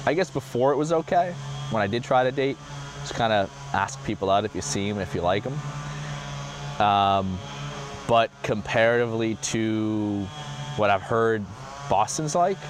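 A man in his twenties answering interview questions casually, halting often with fillers. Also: fairly low pitch, background noise. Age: 20s.

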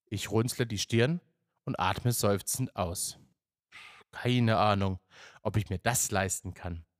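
A man's voice: lowish voice, slow, no echo. Guy reading a first-person story, plain matter-of-fact, dry close sound. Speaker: narrator.

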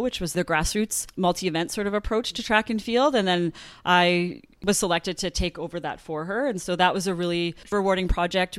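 A woman's voice: on the low side, clear, resonant tone, dry recording. A woman in her thirties from Canada, talking animatedly as an interview guest with frequent laughs and fillers. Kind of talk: conversational interview.

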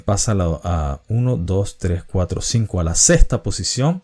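A man's voice: on the low side, darkish tone. A man hosting a vocabulary quiz, patiently explaining and repeating each answer and its definition. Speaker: quiz host and organizer.

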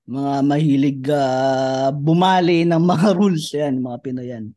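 Man, from the Philippines, podcast co-host, casual banter, laughs a lot, slightly high voice. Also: fairly even intonation, slow, warm tone. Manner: laughs often, joking banter. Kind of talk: casual chat. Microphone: video call.

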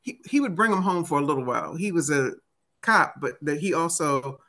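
Bright, forceful woman with a DC accent. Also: deep voice, animated, a little fast. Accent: Washington DC. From United States, Washington DC area. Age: 50s. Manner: acts out remembered dialogue. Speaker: interview guest, author and motivational speaker. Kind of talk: animated conversational storytelling.

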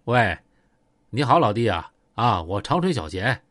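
A man voicing a calm, righteous gang boss who speaks in a steady, reassuring, authoritative way, with a Northeastern Chinese accent. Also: on the low side, a little slow, dry recording, voice pushed down, heavily acted.

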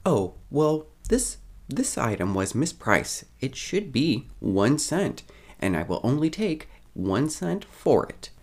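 A man's voice: mid-range voice, big pitch swings, takes it slowly, voice pushed up, exaggerated voice. A man doing a fussy, flustered shopkeeper. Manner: flustered, apologetic. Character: fussy small-town male shopkeeper.

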